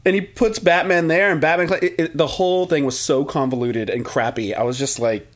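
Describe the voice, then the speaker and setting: A man's voice: fairly high pitch, steady tone, brisk. A man co-hosting a podcast in casual chat, rambling and joking, sometimes mimicking movie lines. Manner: rambling, jokey, slips into mocking movie voices. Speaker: podcast co-host.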